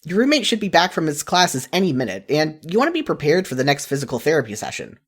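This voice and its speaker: A narrator with a mid-range, slightly rough voice moves at a quick pace through a second-person story. The reading is expressive, in the style of a fan fiction audiobook.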